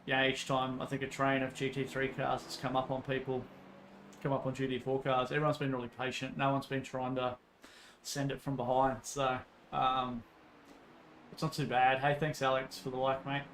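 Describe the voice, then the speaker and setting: A man's voice: medium pitch, completely flat delivery, normal speed, fairly bright tone, rough recording. A man with an Australian accent casually commentating on a livestream in a laid-back, blokey, matey way. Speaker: livestreamer racing in an online endurance sim race. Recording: some background noise.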